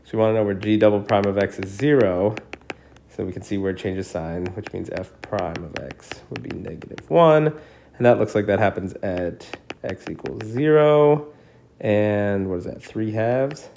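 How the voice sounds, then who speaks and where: A man with a somewhat low voice walks through calculus problems in a screencast lesson. He talks casually, thinks out loud and checks in with his students, with a cough that keeps coming back. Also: moderate pace, a little hiss or hum. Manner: casual, thinks aloud with frequent "right?". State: coughing repeatedly. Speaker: math teacher. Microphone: screencast recording mic.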